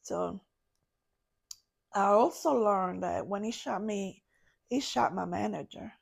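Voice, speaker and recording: Woman, podcast guest, heavy vocal fry, slow unhurried pace, halting, searching for words. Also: medium pitch. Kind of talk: personal story told in an interview.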